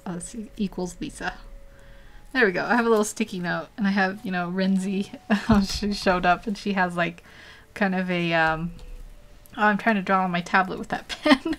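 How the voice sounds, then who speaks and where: A woman chatting casually while she paints live on a tablet, laughing often and rambling with lots of fillers. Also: mid-range voice. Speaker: digital painting livestreamer.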